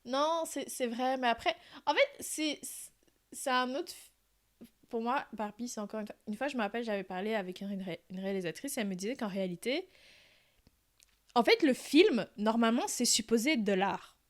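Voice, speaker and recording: A woman co-hosting a podcast in casual chat, animated, with frequent laughs and restarts. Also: on the high side, moderate pace. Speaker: podcast co-host.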